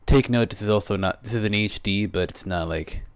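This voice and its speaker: A man's voice: fairly low pitch, clear, resonant tone, no echo. A teenage boy casually commenting on an online game battle, rambling and correcting himself, a bit out of breath. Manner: rambling, self-correcting, quick asides. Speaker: gaming YouTuber.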